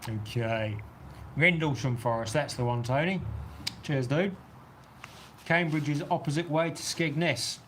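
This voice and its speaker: A man's voice: on the high side, normal speed, fairly bright tone, slight background noise. A man with a New Zealand accent chatting casually on a livestream, rambling as he answers viewer comments from an outdoor shelter. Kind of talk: casual live chat reading comments. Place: outdoor weather shelter on a golf course.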